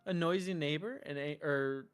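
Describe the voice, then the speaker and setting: With game music in the background, this streamer, whose voice comes across as androgynous, cracks jokes and curses while reading a visual novel's dialogue aloud in between casual gameplay chatter. The voice sits in the mid range, at a normal speed, with a clean tone.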